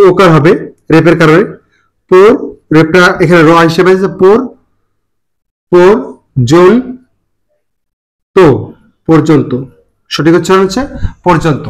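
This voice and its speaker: High-pitched guy teaching pronunciation, slow and careful, spells out syllables. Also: poor audio. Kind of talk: classroom lesson.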